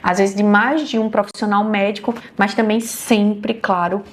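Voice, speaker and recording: A woman's voice: medium pitch, flat delivery, normal speed. Woman, Brazilian Portuguese accent, neurologist lecturer, explanatory teaching tone, frequent check-ins with listeners. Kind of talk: online health lecture.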